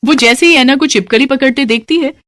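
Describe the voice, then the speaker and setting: A woman narrating a scripted family story in a plain, steady way. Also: sits high, a little fast, background noise.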